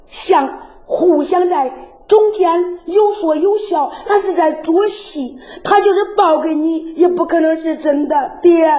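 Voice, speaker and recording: A woman's voice: extremely high pitch, a little slow, dark tone. A woman voicing a young warrior daughter who pleads tearfully with her father.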